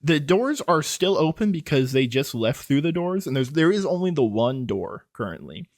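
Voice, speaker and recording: A man's voice: a little high, big pitch swings, moderate pace, no room sound, studio quality. A man running a tabletop horror game as game master, narrating with lots of fillers and loose, rambling phrasing. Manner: rambling, filler-heavy, chuckling.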